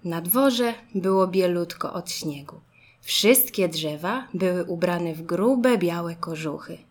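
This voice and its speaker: A woman narrating a children's storybook in an expressive, lively way. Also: fairly low pitch, takes it slowly.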